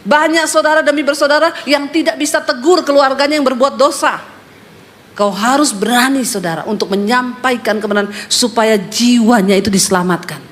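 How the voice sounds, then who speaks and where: A woman's voice: on the high side, brisk. A woman pastor preaching a sermon, telling stories vividly and addressing her congregation directly and sternly. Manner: lively storytelling, acting out quoted voices.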